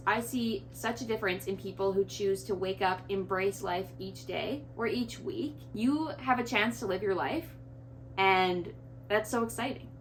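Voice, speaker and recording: A woman's voice: mid-range voice, measured pace, a little hiss or hum. Young woman, twenties, from Canada, chatty earnest vlog advice, casual filler words. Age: 20s. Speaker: lifestyle creator.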